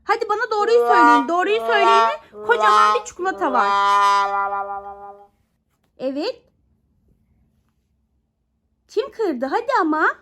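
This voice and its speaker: A woman's voice: very high-pitched, a little slow, long pauses, over loud music. A woman vlogger playfully scolding and questioning a child, firing question after question. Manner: mock-scolding, questioning, animated.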